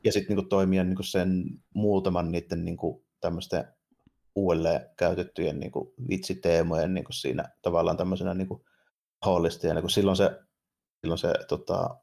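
A man's voice: low-pitched, little pitch movement, gravelly, dark tone. A man co-hosting a casual podcast, talking hesitantly with many fillers and restarts. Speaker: podcast co-host. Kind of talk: casual chat about games and anime.

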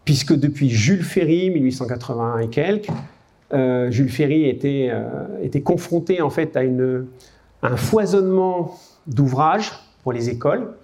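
A man with a French accent giving a lively, conversational lecture to an audience as a teacher trainer. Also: medium pitch, moderate pace. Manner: conversational, lively, frequent "hein" and "bah".

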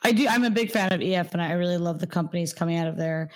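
A woman hosting a podcast, interviewing a guest with measured, friendly questions. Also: lowish voice. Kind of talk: interview conversation.

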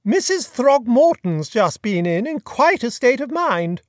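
A narrator voicing an elderly dowager duchess who gossips slowly and emphatically on the telephone, in an audiobook. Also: mid-range voice, very animated, no room sound, studio quality, pitched above the performer's own voice. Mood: gossiping. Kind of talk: audiobook dialogue.

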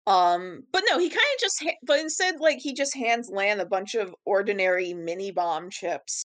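A woman's voice: mid-range voice, expressive, normal speed. A woman co-hosting a podcast, recapping an anime in casual chat, laughing often and filling her talk with fillers and restarts. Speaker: podcast co-host.

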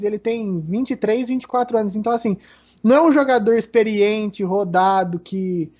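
Very high-pitched Brazilian man, dull audio. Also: a little mellow. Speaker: football show co-commentator. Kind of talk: casual match analysis. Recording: dull, low-fidelity audio.

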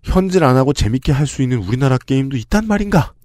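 A man's voice: mid-range voice, quick pace, no room sound. A man hosting a podcast, reading out lists of games and adding joking asides, recorded in a studio. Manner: lively, joking, reads lists with asides and laughs. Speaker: podcast host. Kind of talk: casual podcast talk with scripted segments.

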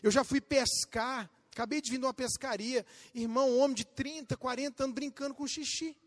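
A man with a Brazilian accent preaching a sermon as a pastor, talking straight to his listeners with questions and acting out little scenes with sudden shouts. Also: extremely high pitch, brisk. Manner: animated, acts out quotes and bursts into shouts; addresses listeners directly with questions.

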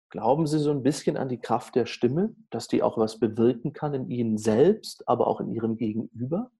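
A man interviewing a guest, asking measured, polite questions. His voice is mellow and dark, with a husky edge, and sits at a middle pitch.

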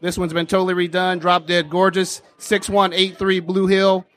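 A man selling renovated properties to a room of investors, talking them up eagerly with frequent fillers. His voice sits high and stays flat in tone. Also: normal speed. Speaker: real estate seller pitching properties. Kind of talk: short property pitch.

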